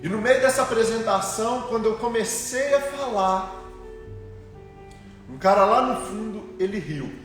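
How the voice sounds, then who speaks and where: A man's voice: sits high, lively intonation, unhurried, a bit bright. A young Brazilian man preaching a testimonial sermon, telling a story and acting out the voices he quotes. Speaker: pastor. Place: church sanctuary. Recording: echoey church hall, distant mic, faint music.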